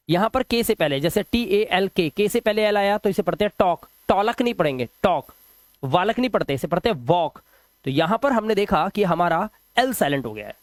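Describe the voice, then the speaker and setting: A man teaching pronunciation rules in a patient, step-by-step classroom style, repeating examples slowly. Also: high voice, no room sound. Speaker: English teacher. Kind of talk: classroom-style lesson explaining silent letters.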